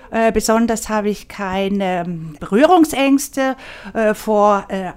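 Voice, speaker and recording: A woman's voice: medium pitch, a little mellow. A woman, a volunteer tutor, speaking hesitantly with many filler sounds in an interview. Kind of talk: interview statement.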